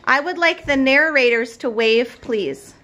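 A woman's voice: sits high, lively intonation, measured pace, sharp tone. A woman first grade teacher cueing her pupils through a class play, with patient, encouraging prompts in a school classroom.

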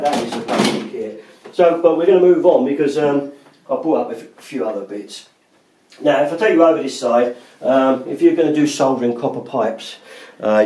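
A man's voice: mid-range voice, dark tone, slightly rough. A middle-aged man, a plumber, chatting casually as he shows his tools at home on a close camera mic. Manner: chatty and practical, lots of ums and pointing out. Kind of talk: casual hands-on tool demonstration. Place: small room at home by a door.

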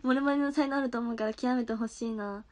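A woman's voice: fairly high pitch, fairly even intonation, fast, a little mellow. A young woman streaming live from home, chatting casually and giggling as she reacts to viewer comments on her phone.

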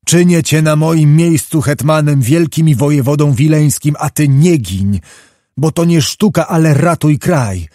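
A man's voice: medium pitch, measured pace, warm tone, no echo, clean studio sound, lightly acted. A man voicing a proud, embittered middle-aged prince who pleads and commands with grave passion. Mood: commanding.

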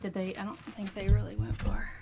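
A woman's voice: mid-range voice, expressive, a little fast, background noise. A woman in casual conversation while exploring, her voice carrying cave echo. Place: inside a rocky cave.

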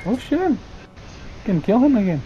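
A man bantering during a game, loud and excitable, cursing often and switching between English and Spanish. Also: high-pitched, normal speed, dull audio, slight background noise. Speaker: gaming streamer. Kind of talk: casual gaming banter.

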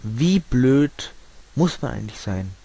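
A man's voice: medium pitch, big pitch swings, slow pace, gravelly, background noise. A man giving casual commentary while playing a game, chatty and scolding his characters. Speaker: gameplay commentator. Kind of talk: casual let's-play commentary.

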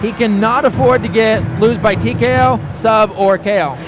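A man's voice: high-pitched, normal speed, low-quality recording. A man giving analytical live colour commentary on a mixed martial arts fight. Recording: live arena broadcast, crowd and music behind.

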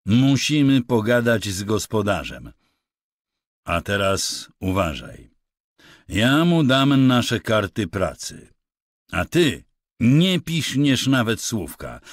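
Man playing a gruff worn-out ranch hand, blunt slang, exasperated, lively pitch. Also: no room sound, clean studio sound.

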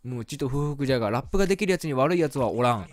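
A man voicing a gruff, boastful old male squid commander from a video game, with old-fashioned speech. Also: medium pitch, lively intonation, very fast, voice pushed down, close to an everyday voice.

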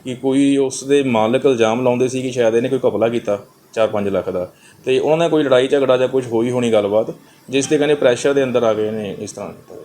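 Male police officer, Indian Punjabi accent, brisk and soft-toned, official press statement, faint background noise. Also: mid-range voice.

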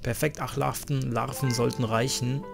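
Man putting on a gravelly boasting pirate captain, growls arr. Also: mid-range voice, flat delivery, moderate pace, over music. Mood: boastful. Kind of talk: reading game dialogue aloud.

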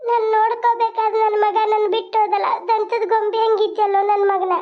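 A woman's voice: extremely high pitch, level tone, a little fast. A woman voicing a grieving young mother with a North Karnataka Kannada accent, mourning her newborn in a pleading lament. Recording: dull lo-fi sound.

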